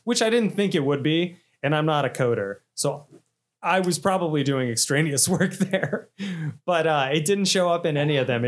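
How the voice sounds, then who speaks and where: Rambling man, slightly high voice. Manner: rambling, self-deprecating, laughs often. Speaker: podcast host. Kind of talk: casual chat.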